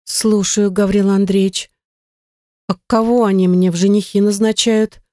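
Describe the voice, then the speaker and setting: A reader voicing a meek, quiet young female servant in an audiobook, answering timidly. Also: mid-range voice, flat delivery, unhurried, no room sound, clean studio sound, natural voice. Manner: soft-spoken, timid. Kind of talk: audiobook character reading.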